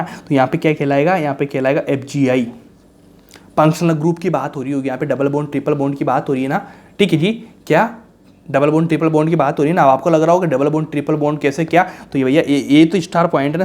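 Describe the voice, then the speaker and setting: A man's voice: on the high side, darkish tone. A young man teaching chemistry for an entrance exam in a casual, colloquial lecture, asking himself questions and answering them, reassuring his students. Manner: colloquial, reassuring, calls students bhaiya and raja.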